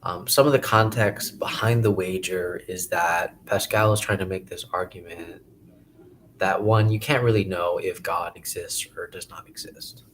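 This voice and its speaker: A man musing casually to camera about philosophy, hesitant and thinking aloud with many pauses and restarts. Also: sits low, fairly even intonation, fairly bright tone, slight background noise. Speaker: video essayist.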